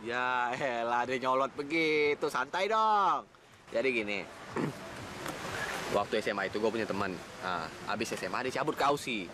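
A man's voice: mid-range voice, moderate pace, noisy background, natural voice. An actor playing a cheeky young man who teases his friends while playing matchmaker. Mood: teasing. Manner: teasing, boastful, lively banter. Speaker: actor in comedy drama.

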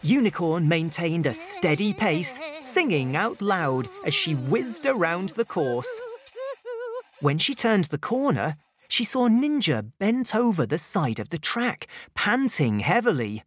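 A woman narrating a children's storybook in a gentle, expressive way. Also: on the low side, unhurried, a crowd in the background.

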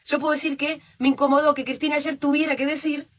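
A woman's voice: high-pitched, little pitch movement, quick pace. A woman speaking on a political panel in an earnest, insistent way. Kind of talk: panel debate.

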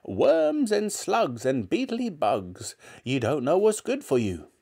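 With gloating relish, a man voices a wicked old grandmother from a children's book, his exaggerated voice very high, gravelly, mellow and slightly rough. Slow-paced, it swings hugely in pitch as she bosses everyone scornfully and savors everything disgusting.

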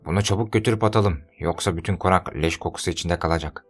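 A man playing a gruff, scornful scheming steward. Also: sits low, quick pace, soft background music. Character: gruff scheming male steward, bossy uncle.

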